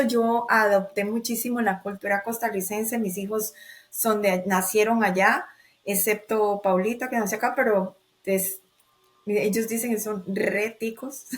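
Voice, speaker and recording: A woman from Ecuador, a life and business strategist, telling her story as a podcast guest in an expressive way. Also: fairly high pitch. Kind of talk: podcast interview.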